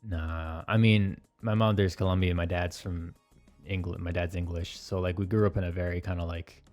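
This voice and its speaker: A man's voice: deep voice, steady tone, normal speed, a little mellow, soft background music. A man co-hosting a podcast in casual chat, laid-back and rambling, with lots of "like"s. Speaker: podcast co-host.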